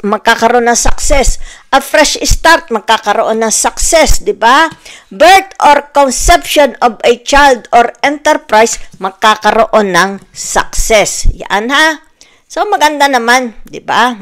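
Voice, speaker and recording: A woman's voice: a little high, lively intonation, slow, fairly bright tone. A woman with a Filipino accent giving a casual tarot reading, chatty and full of "di ba?" tags, mixing Tagalog and English. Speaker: tarot reader.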